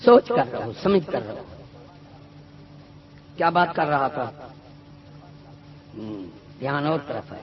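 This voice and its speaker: A man preaching a sermon full of stories, emphatic and swinging between loud and soft. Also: a little high, animated, long pauses. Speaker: Sufi preacher. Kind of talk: sermon with storytelling. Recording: dull lo-fi recording with a loud crowd.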